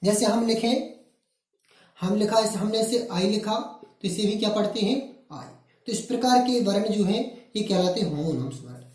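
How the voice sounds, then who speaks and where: Guy from madhya pradesh teaching grammar, asks then answers himself, soft mellow tone, echoey room. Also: high-pitched, moderate pace. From Madhya Pradesh, India. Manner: asks questions and answers them himself, repeating key words. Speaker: English teacher. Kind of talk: classroom-style grammar lesson.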